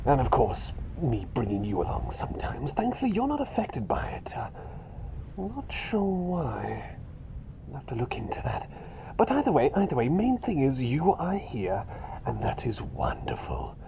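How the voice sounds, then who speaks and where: The man's performance of the flustered, mild doctor-turned-bird is heavily acted, medium-pitched with huge pitch swings, and a little slow, in a musing ASMR personal-attention roleplay. Soft and breathy, he often whispers, stumbles hesitantly, rambles and repeats phrases, with a close ASMR microphone picking up clear background noise.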